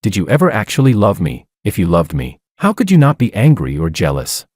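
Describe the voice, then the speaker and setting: A man's voice: on the low side, huge pitch swings, fairly quick, a little mellow, breathy edge, no echo, studio quality, exaggerated voice. A man voicing a furious bride in an audiobook. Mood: angry. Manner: demanding and accusing. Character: angry defensive young bride.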